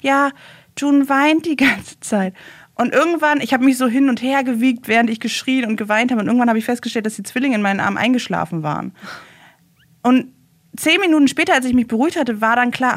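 A young woman speaking as a guest, telling a personal story in a halting way and searching for words. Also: on the high side, no room sound.

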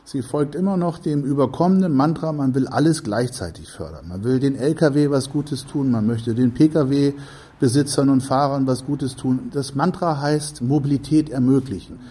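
A man's voice: medium pitch, moderate pace, mellow, slightly rough. A man giving explanatory interview answers, building his points in repeated clauses. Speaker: transport advocate interviewee. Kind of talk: spoken interview argument.

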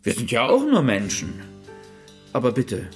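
A man's voice: medium pitch, huge pitch swings, a little slow, faint music behind. An actor playing an earnest insurance salesman who pleads and persuades in a film drama. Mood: apologetic.

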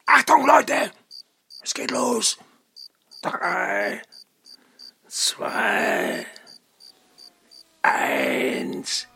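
An actor playing a bossy, hot-headed gangster boss in a radio play, barking commands. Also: male voice, extremely high pitch, animated, drawn-out words, creaky, pauses often, pushed and bright, slight background noise, full character voice. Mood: barking orders.

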